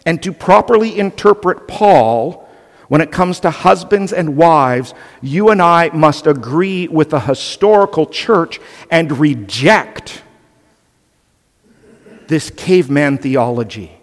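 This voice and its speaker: A man's voice: a little high, expressive, slow, long reverb tail. A male pastor delivering an earnest, emphatic sermon, often restarting his phrases.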